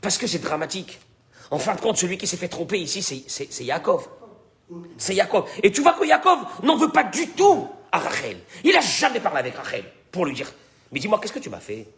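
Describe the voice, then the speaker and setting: Animated rabbi teaching. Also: male voice, sits high, a little fast, vocal fry, a little hiss or hum. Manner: animated, dramatizes dialogue, repeats words, questions the audience. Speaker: rabbi teaching the weekly Torah portion. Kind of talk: Torah class.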